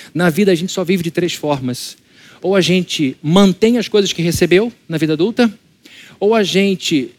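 With a high, darkish voice, this married adult male pastor delivers a conversational sermon in a Brazilian Portuguese accent. He keeps firing rhetorical questions at the congregation.

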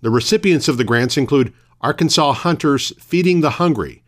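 A man hosting a local radio news broadcast, reading scripted items in a measured, formal announcer delivery. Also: a little high, expressive.

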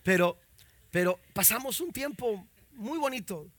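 A man's voice: high voice, expressive, measured pace, a bit bright. A man preaching a sermon as pastor, telling family stories with many fillers and then reading scripture with rising fervor.

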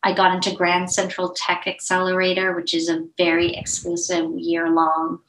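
A woman's voice: lowish voice, moderate pace, slight background noise. Chatty middle-aged woman, roomy sound. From United States. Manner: animated, chatty, many fillers and asides. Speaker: beauty brand founder, podcast guest. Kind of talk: casual interview storytelling. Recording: roomy echo.

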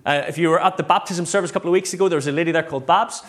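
Racing along in a slightly high, fairly bright voice, a man from Northern Ireland preaches in a chatty, informal style. He fills the sermon with personal anecdotes, quotes himself and performs snippets of dialogue, and the recording carries a little hiss or hum.

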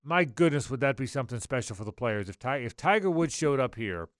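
A man hosts sports talk radio in a medium-pitched voice. He is emphatic and repeats phrases for effect, with a very dry sound. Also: expressive, a little fast, dry recording. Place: live radio broadcast.

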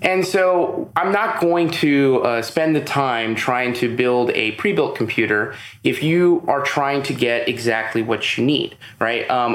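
Recorded in person in an echoey room, a man who owns a business chats as an interview guest, giving long, loose explanations packed with fillers. His voice is medium in pitch, a bit bright and reverberant.

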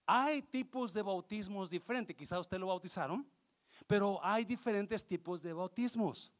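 A male pastor, preaching a passionate sermon that swings from quiet explanation to shouting, with English words mixed in. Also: sits high, normal speed.

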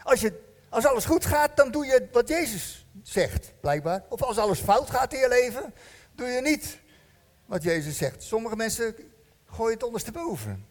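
Lively preacher man in a reverberant hall. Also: extremely high pitch, normal speed. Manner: animated, jokey, asks the congregation questions. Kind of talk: lively church sermon. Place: church hall. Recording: long church-hall reverb.

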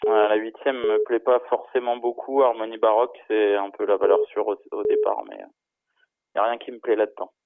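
A man on a phone line into a radio show, giving racing tips in a measured way with frequent hesitations. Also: lowish voice. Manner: measured, steady picks with frequent hesitation fillers. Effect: heard over a phone line into the studio. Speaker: horse racing tipster. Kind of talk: casual radio betting chat.

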